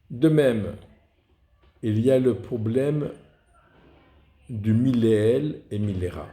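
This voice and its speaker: A man explaining reading rules in a deliberate lesson, often restarting his words. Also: lowish voice, warm tone. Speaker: Torah reading teacher. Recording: echoey room.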